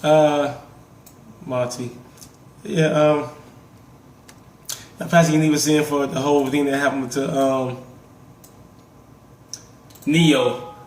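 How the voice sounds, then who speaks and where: A man's voice: a little high, level tone, slow, pauses often, a little mellow. A man hosting a casual reaction video with a sick voice, talking in a loose, rambling way and swearing casually. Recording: roomy, distant mic, faint hiss.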